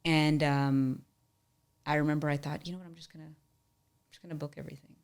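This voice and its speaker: A young woman telling a personal story as a podcast guest, animated and chatty, leaning on "like" a lot. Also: sits low, quick pace, clean tone. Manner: animated storyteller, often says "like". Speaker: podcast guest, musician and entrepreneur. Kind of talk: storytelling in casual interview.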